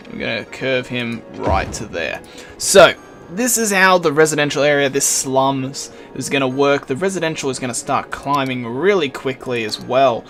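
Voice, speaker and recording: A man hosting a gaming video, talking through his moves in a casual let's play commentary while he plays. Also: medium pitch. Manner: relaxed, thinking aloud while building. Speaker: gaming channel host.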